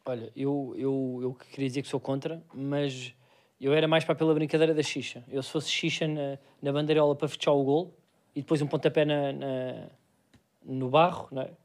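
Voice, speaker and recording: A man's voice: mid-range voice, flat delivery, fairly quick, darkish tone. A man with a European Portuguese accent, co-hosting a comedy podcast and teasing the others in slangy casual chat. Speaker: podcast co-host.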